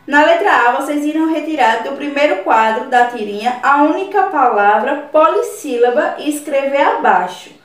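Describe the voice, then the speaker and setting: A woman with a Brazilian Portuguese accent, a primary school teacher giving a recorded class to children, explaining slowly and repeating words syllable by syllable. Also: sits high, expressive. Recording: very echoey room, voice from far off.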